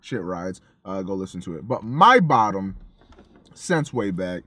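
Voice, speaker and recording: A man co-hosting a casual music review chat, animated and profane, acting out his own reactions. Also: sits low, measured pace, breathy edge, dry recording. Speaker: co-host of a music review show.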